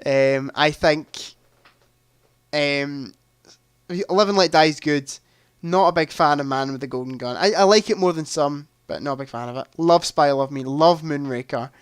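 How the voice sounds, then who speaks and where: A man with a voice on the high side hosts a live movie quiz stream at a moderate pace. He chats casually, thinks aloud, and makes self-deprecating remarks, with a clean tone and clean studio sound free of room noise.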